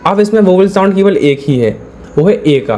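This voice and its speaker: A man's voice: high voice, lively intonation, moderate pace, mellow. A male teacher giving a patient, step-by-step lesson, repeating his points and checking that his students follow. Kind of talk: step-by-step classroom explanation.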